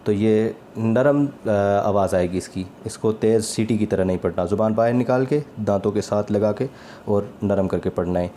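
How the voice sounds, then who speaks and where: A man teaching Quran recitation in a calm, patient spoken lesson, sounding out each letter slowly and repeating it. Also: fairly low pitch, a little hiss or hum.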